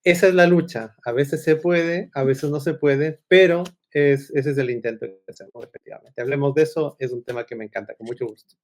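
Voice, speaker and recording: This middle-aged man from Ecuador is an agile consultant and coach appearing as a podcast guest. His mid-range voice stays steady and brisk as he tells stories in a casual, rambling way, often tossing in little tag questions to check in.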